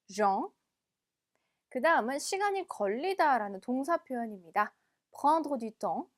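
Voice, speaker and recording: A woman with a high voice leads a textbook French lesson. She explains each phrase patiently. She reads the French aloud slowly and clearly, often twice. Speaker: French teacher.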